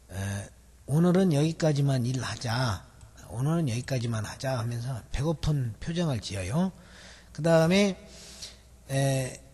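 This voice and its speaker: Guy teaching memorization in a video lecture, slightly high husky voice, lots of um and uh, echoey hall. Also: a little mellow. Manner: explains step by step, with many fillers. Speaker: memory-technique instructor. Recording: long hall reverb.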